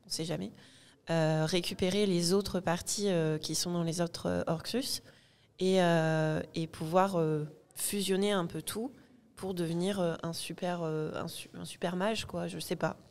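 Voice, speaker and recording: A woman appears as a guest on a podcast recorded live. Her voice sits on the low side, and she thinks aloud tentatively, stopping often to hesitate and hedge. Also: fairly even intonation, measured pace, darkish tone. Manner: tentative, thinking aloud with many "je sais pas" and "euh". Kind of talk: casual discussion before a live audience.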